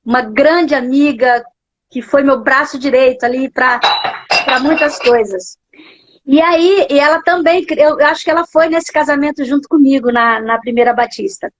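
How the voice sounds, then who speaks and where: A woman with a Brazilian Portuguese accent, a pastor appearing as a guest in a live interview, gives an emotional testimony as she tells her story, her voice sometimes breaking. Her voice sits high and moves at a normal speed. The live stream audio is dull and lo-fi, with a little hiss or hum.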